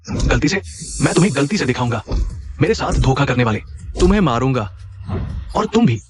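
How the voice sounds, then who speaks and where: A man's voice: mid-range voice, very animated, brisk, noisy background, lightly acted. A man dubbing a scheming village headman in a drama, speaking in an indignant, blustering way. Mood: angry. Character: scheming male village headman, quick to anger. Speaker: dubbing actor. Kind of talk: dubbed drama acting.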